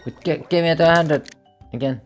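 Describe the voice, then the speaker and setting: A man's voice: a little high, brisk, faint music behind. A man casually commenting while streaming a fishing game, offhand and swearing now and then.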